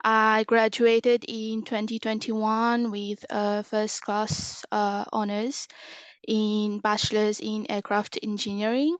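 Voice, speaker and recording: A young woman with a Mauritian accent speaks slowly and evenly, telling her own story as a guest speaker. Her voice is smooth, and she comes across as measured and reflective. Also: medium pitch, flat delivery, no echo. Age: 20s. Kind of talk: personal testimony to an online session.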